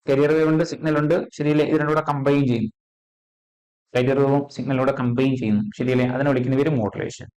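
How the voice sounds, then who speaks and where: Male tutor, slightly higher voice, keeps asking if students follow. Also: darkish tone, poor audio. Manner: checks in constantly with quick questions, repeats key terms. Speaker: physics teacher. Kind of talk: exam-prep lecture.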